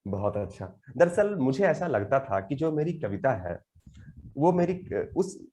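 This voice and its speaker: A man in his thirties speaks as a guest poet, earnest and reflective. His pitch moves in a lively, animated way, and he recites his verse slowly, building emphasis line by line. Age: 30s. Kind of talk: conversational interview with poetry recitation.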